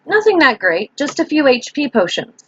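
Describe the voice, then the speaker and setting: A woman voicing a courteous, smooth-talking young man who makes potions and teases a little while dodging questions. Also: high-pitched, sing-song, normal speed, dull audio, pitched above the performer's own voice. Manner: courteous and teasing, a little evasive.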